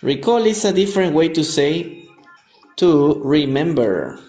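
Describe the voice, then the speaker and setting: A man from Peru teaching English on a live stream, reading aloud and explaining words in Spanish, repeating each pronunciation slowly. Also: a little high, lively intonation, warm tone. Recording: echoey room, faint music behind.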